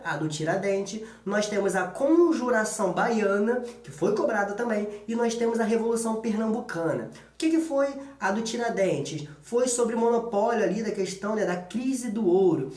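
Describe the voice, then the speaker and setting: A Brazilian-accented male teacher gives a casual history exam-prep lesson, using colloquial speech and frequent short tag questions to check in. His high-pitched voice is a little mellow, and the room is echoey.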